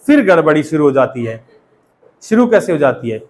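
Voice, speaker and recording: Indian guy teaching english class, highish voice, keeps asking the class to repeat, bit of noise behind. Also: sing-song, moderate pace. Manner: asks the class questions and has them repeat.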